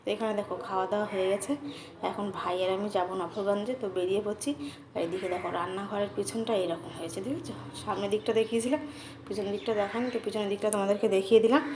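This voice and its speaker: Fast-talking woman vlogging family life. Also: medium pitch, fairly even intonation, noisy background. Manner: chatty, speaks softly to her young son. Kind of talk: casual vlog narration.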